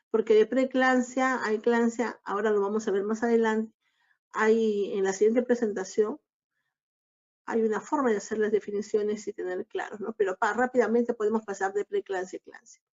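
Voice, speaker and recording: A woman giving a recorded obstetrics lecture, explaining each slide in a measured way. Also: fairly high pitch, darkish tone. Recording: dull lo-fi lecture audio.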